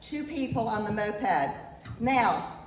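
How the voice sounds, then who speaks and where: A woman with a mid-range, very animated voice speaks slowly, giving an earnest, emphatic talk as an author at a local event and repeating her points. She uses a handheld microphone but is at times off mic. The echoey event room is recorded from far off, with faint noise.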